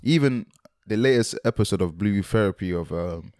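A man's voice: fairly low pitch, animated, moderate pace, a little mellow, dry recording, clean studio sound. A young man with an urban London accent, chatting casually and giving opinions in repetitive slang. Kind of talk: casual group chat.

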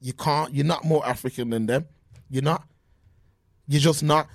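A talkative man, his voice sitting a little high for a man. He gives his opinions casually and often restarts his sentences. The sound is dry and close, with almost no room echo. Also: steady tone, normal speed. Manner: opinionated, chatty, frequent restarts. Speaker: podcast co-host. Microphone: remote call audio.

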